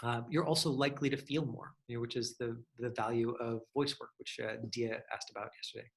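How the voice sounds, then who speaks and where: In a casual web-based acting session with questions from students, a male coach teaches in a loose, encouraging, talkative way. His medium-pitched voice is steady, creaky and a little fast.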